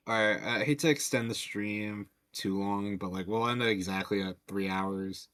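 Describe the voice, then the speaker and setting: Deep-voiced mod dev, rambling casual stream talk, swears. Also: male voice, steady tone, normal speed, crowd noise. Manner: rambling, loose talk full of fillers and swearing.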